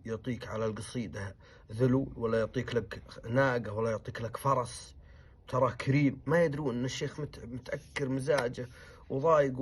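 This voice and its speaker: A man tells a traditional tale at a brisk clip, his voice husky and a little rough. He swings between loud, commanding outbursts and low, muttered asides as he acts out each character. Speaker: poet and storyteller. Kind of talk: oral storytelling, acting out characters.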